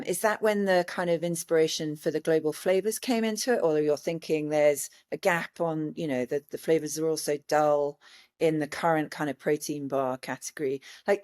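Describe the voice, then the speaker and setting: A woman's voice: sits low, a little mellow. A woman hosting an interview podcast, asking casual questions with frequent hesitations and restarts.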